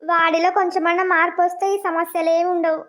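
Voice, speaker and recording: Mother-in-law: soothing village elder voiced by a woman, very high gentle voice. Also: little pitch movement, fast talker.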